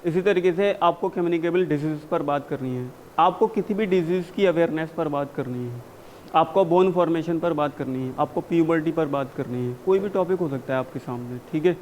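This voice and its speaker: A man coaching spoken English in a classroom, mixing Hindi and English, drilling phrases slowly and urging students to read with energy. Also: a little high, a little mellow, highs cut off, slight background noise. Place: university classroom.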